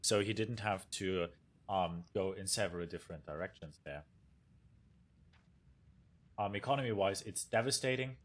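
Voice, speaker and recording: A man's voice: low-pitched, normal speed, pauses often. German-accented man casting a game. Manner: enthusiastic, thanks viewers, searches for words. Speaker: caster. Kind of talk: esports commentary. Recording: faint game music behind.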